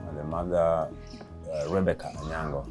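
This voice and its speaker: A man in his fifties, raised in Kenya, answering interview questions about his son in a slow, halting way with many pauses and fillers. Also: rumbling low, flat delivery, music in the background. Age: 50s. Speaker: interviewee, father of the late comedian.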